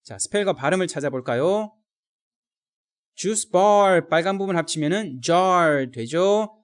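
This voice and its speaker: Slow, lively male vocabulary teacher. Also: sits high, clear, resonant tone. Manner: addresses viewers directly, slow drilled English example sentences. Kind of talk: recorded vocabulary lesson.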